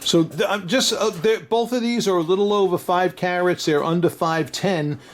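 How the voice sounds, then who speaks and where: A man's voice: sits high, normal speed, slight background noise. A man with a New York accent, a diamond dealer talking through a casual, unscripted review, chatty and chuckling often. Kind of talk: casual product review vlog.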